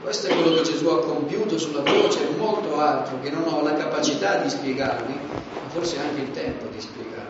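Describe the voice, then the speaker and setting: Male preacher: emphatic sermon with loud-soft swings, captured from afar in a long-reverb hall. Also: fairly high pitch, fairly quick, noisy background. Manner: emphatic, swings between loud declarations and hushed asides. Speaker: pastor. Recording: echoey hall, distant mic, dull sound.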